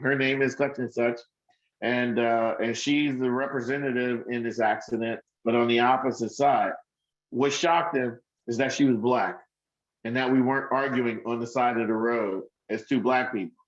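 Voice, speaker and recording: Guy telling a story earnest and personal, bit dull lo-fi sound. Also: mid-range voice. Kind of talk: storytelling talk.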